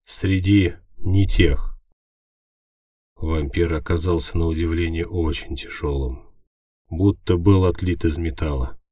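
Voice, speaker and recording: A man reading a first-person fantasy audiobook in a measured, wry manner. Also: sits low, steady tone, warm tone, no room sound, clean studio sound, far from the mic. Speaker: audiobook narrator.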